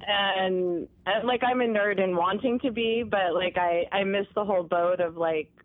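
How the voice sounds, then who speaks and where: A woman's voice: mid-range voice, normal speed. Giggly woman on a tinny speakerphone. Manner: chatty and giggly, many "like" fillers. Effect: phone line on speakerphone. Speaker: guest commenter interviewed by phone. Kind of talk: casual phone interview. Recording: tinny phone line.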